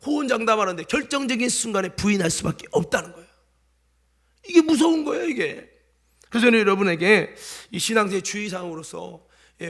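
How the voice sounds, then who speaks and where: Delivering a sermon in church, a male pastor speaks in a high, gravelly voice with a light Chungcheong Korean accent. His preaching moves between loud urging and soft asides, and he constantly quizzes the people in the pews.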